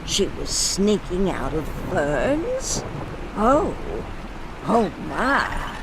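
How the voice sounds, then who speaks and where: A woman's voice: mid-range voice, big pitch swings, extremely slow, noisy background, exaggerated voice. A woman voicing a sweetly oblivious, hard-of-hearing old bride in a video game. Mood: sweetly confused. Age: older. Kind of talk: video game character acting.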